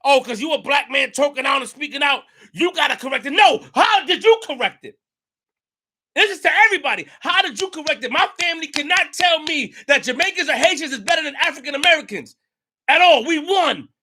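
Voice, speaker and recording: Talking a little fast with lively intonation, a New York show host launches into a passionate commentary monologue. His very high voice cuts sharply as he repeats his points emphatically and erupts into shouting.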